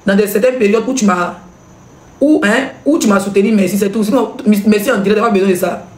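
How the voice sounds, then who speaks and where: Mocking woman blogger, echoey room. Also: mid-range voice. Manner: mocking, laughing, rapid back-and-forth with viewers. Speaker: blogger hosting a live stream. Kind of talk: animated live-stream commentary.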